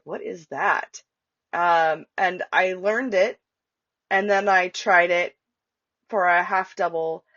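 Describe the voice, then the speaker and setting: A woman hosts a casual crochet tutorial at home, chatty, with lots of fillers and restarts, while her dogs walk around and their nails click on the floor. Her fairly low voice sounds stuffy and nasal from a cold, and the audio is dull with no room sound.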